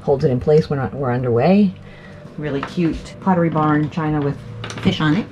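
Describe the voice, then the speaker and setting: A woman's voice: low-pitched, normal speed, darkish tone, slight background noise. A woman giving a casual walkthrough of her sailboat, talking into a handheld camera and pointing things out with frequent ums. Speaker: boat owner giving a tour. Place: on and inside a sailboat at anchor, outdoors on deck then in the cabin.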